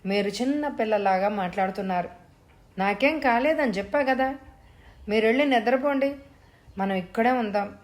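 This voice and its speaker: A woman voicing a young wife who speaks quietly and wearily and turns curt and stubborn. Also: on the high side, moderate pace, pauses often, close to an everyday voice. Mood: firm. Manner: quiet and weary, then curt.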